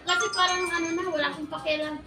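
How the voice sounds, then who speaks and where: A middle-aged woman with a high voice tells a story from her past in easy chat. She acts out what everyone said, keeps bursting into laughter, and sounds roomy and a little distant from the mic. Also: quick pace, over music. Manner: animated storytelling, acting out quoted exchanges, laughing often. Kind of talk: casual chat.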